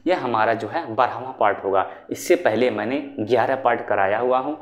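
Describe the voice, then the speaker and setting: A man's voice: medium pitch, a little fast. A young man teaching a grammar lesson for exam preparation, asking questions and repeating the answers as a drill. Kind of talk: online exam-prep lesson.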